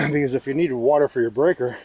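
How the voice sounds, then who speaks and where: A man's voice: mid-range voice, fast, vocal fry, slightly rough, dry recording. A man vlogging while he hikes through the woods exploring old mine sites, thinking aloud and guessing at what he finds. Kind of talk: vlog narration while hiking. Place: outdoors in the woods on a mountainside. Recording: loud outdoor background noise.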